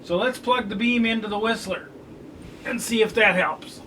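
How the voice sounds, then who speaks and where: Speaking in a high, sharp voice at moderate pace, a middle-aged American scanner enthusiast and reviewer demonstrates a product casually, with folksy, colloquial wording. He's indoors at home, recorded by a distant camera mic in an obviously noisy room full of radio scanner chatter and noise.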